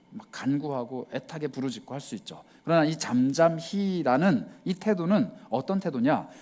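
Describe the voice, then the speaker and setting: A male pastor delivers a sermon in a somewhat high voice that swoops widely as he preaches. He cries out acted prayers, then drops to a near hush on key words. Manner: animated preaching, acting out prayers in cried-out voices.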